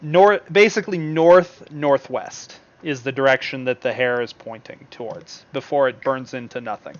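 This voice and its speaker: A man's voice: medium pitch, moderate pace. A man narrating a tabletop game as game master, in a loose, improvised way with many fillers. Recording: dull lo-fi mic.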